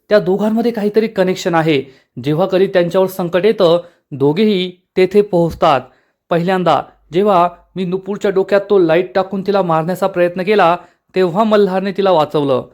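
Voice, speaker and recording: एक पुरुष कटकारस्थानी, सूडबुद्धीच्या खलनायिकेच्या ओळी वाचतो. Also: male voice, sits high, fairly quick, darkish tone, lightly acted. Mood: scheming. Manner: spiteful, impatient, raging. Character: scheming vengeful young woman villain.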